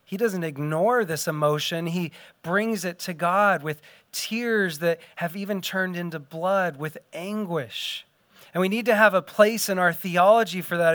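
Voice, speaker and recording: Earnest male preacher, slightly high, dry. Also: no echo. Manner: earnest, unhurried teaching with pauses and soft drops. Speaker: pastor. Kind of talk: sermon.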